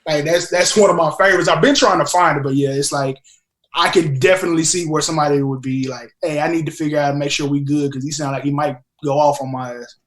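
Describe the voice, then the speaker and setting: A man's voice: on the high side, fairly even intonation, quick pace, echoey room. A man co-hosting a podcast, eagerly recalling favorite moments in casual chat. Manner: enthusiastic fan recounting favorite moments. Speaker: podcast co-host.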